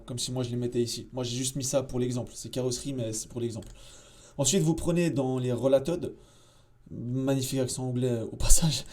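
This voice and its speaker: Man tutorial host, mellow dark tone, relaxed slangy delivery at a desk mic. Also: mid-range voice. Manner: casual, chatty, slangy, with many fillers and asides. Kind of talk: casual screen-share tutorial.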